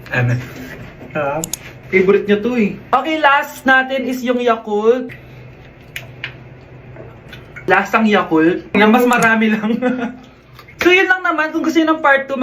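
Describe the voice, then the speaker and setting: A woman's voice: on the high side, a bit bright, a little hiss or hum. A woman casually rating snacks and desserts for viewers in a chatty review vlog. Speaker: food reviewer. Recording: background music under voice.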